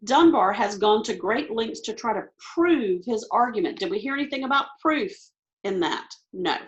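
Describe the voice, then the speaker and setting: A woman teacher talking quickly and thinking aloud as she walks through test questions on a video call. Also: mid-range voice, expressive, muffled recording. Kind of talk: recorded online lesson.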